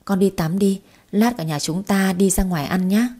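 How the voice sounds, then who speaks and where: A woman voices a bossy grandmother who barks orders at her family. The voice is warm and low-key but husky. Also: normal speed, lightly acted. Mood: coaxing. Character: bossy, scolding older grandmother.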